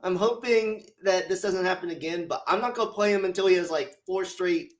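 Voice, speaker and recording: A man chatting on a fantasy football podcast in a fairly high voice. His talk is relaxed and rambling, full of fillers, and sounds like it comes through a remote call mic. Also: fairly quick. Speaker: podcast co-host. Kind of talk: casual fantasy football chat.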